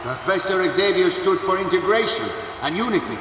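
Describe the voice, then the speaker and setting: A high-pitched man declaims as an impassioned, dignified political orator in a video game. He is formal and echoey, heard from a distance over a loud crowd and music. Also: animated, a little fast, background noise. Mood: dignified, rousing. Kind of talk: public speech, video game voice acting.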